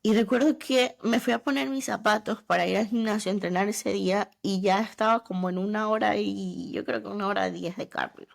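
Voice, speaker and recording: Woman in her thirties, fitness coach, motivational monologue, slight fry, repeats key words hard. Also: medium pitch. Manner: emphatic, repeats words for effect.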